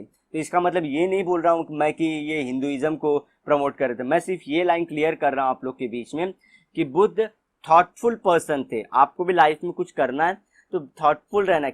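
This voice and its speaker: A young man with an Indian accent giving an exam-prep lecture, explaining in Hindi mixed with English and reading textbook lines slowly. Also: a little high. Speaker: teacher.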